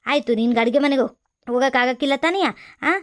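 A woman playing a sharp-tongued older village mother-in-law who scolds and nags with sarcasm, in a comedy skit. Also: high voice, a little fast, lightly acted. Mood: scolding.

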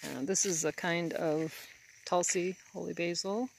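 A woman walking through her garden, recording on a phone and pointing out the plants in an unhurried way. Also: lowish voice, fairly even intonation, vocal fry, a little hiss or hum. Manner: unhurried, pointing things out as she walks. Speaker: gardener giving a tour. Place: outdoor garden. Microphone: handheld phone, speaker behind camera. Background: crickets and outdoor ambience.

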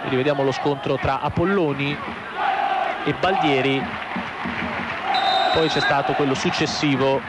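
A man giving live televised football commentary in measured, analytical, clipped phrases on a noisy old broadcast. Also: medium pitch, steady tone. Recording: noisy old TV broadcast, loud stadium crowd. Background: loud football stadium crowd.

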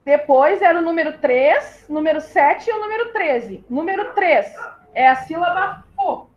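A woman's voice: very high-pitched, expressive, muffled recording, a little hiss or hum. A woman teacher, patiently leading young children through syllables in an online class. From southern Brazil. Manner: patient, spells out syllables slowly, calls pupils "my love". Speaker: primary school teacher.

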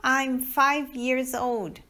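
A woman in her forties, an English teacher, reading short practice sentences for children slowly and carefully. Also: high-pitched, flat delivery, pushed and bright. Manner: slow, careful, clearly spoken model sentences.

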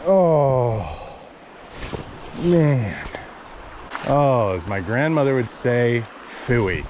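Speaking extremely slowly in a mid-range voice, with noise behind him, an American man in his thirties narrates his own fly fishing on a river. A body-worn action camera captures his casual commentary on each strike, which he greets with excited exclamations while talking to the fish.

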